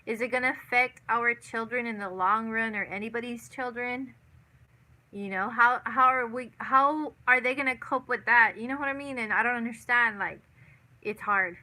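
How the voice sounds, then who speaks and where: A chatty woman in her thirties with a bright, fairly high voice. She hosts a casual live chat, talks loosely, repeats herself and keeps adding "you know". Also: normal speed, low-quality recording. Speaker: livestream host. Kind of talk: casual live chat reading viewer comments.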